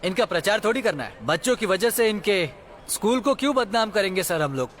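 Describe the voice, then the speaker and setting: A high-voiced, polite official. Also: male voice, expressive, a little fast, fairly bright tone. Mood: persuasive. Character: placating school official, polite. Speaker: dubbing actor. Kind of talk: dubbed film acting.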